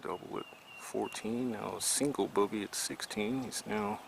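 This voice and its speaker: A man's voice: on the low side, fairly even intonation, moderate pace, vocal fry. A man giving golf commentary as a golf commentator, following play hole by hole, recorded outdoors. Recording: noisy outdoor recording with ambient sound.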